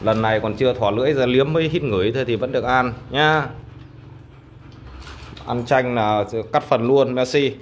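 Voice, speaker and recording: A man's voice: medium pitch, normal speed. Man chatting to his dogs, noisy home recording. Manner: coaxing, calling out short commands to dogs. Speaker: dog owner and vlogger. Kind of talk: casual chat to pet dogs and viewers. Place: indoor tiled room at home. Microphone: handheld phone behind the camera. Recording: home phone recording with clear background noise.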